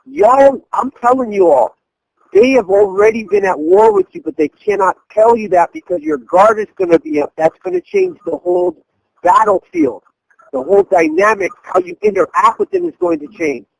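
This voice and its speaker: A man hosts a call-in discussion, driving his points home in an emphatic, preacherly way. His voice sits very high with a heavy gravelly rasp, and his pitch swings widely. The sound is dry and close. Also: sing-song, normal speed, no echo, rough recording. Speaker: host of a weekly call-in address.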